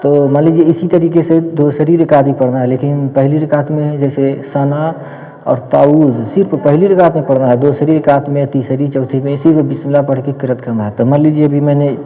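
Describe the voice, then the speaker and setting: A man's voice: a little high, fairly even intonation, big-room sound, muffled recording. A man, teaching the steps of prayer patiently and repeating each point as he demonstrates it. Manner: patient, repetitive step-by-step explaining, demonstrating as he speaks. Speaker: Islamic teacher. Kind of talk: practical religious instruction.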